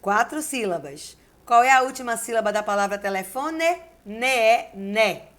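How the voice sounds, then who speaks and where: A woman, a teacher giving a video lesson, who dictates slowly and repeats key words syllable by syllable while encouraging her class. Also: on the high side, expressive. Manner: encouraging, addresses the class directly. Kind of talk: video lesson with word exercises.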